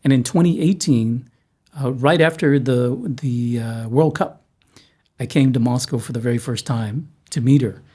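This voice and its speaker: In a Moscow studio room, a man hosts a casual podcast interview, chatty and self-deprecating with frequent restarts. His voice is medium-pitched and mellow at a normal speed.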